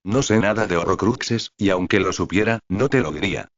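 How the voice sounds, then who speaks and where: A nervous, stout older professor, read by a man answers defensively and with irritation. The voice sits very low. The audio sounds dull and lo-fi. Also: brisk, lightly acted.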